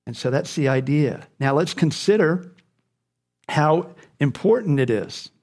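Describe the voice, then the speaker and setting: A man's voice: on the high side, animated, unhurried, darkish tone. A man preaching a sermon, speaking earnestly and repeating key phrases for emphasis.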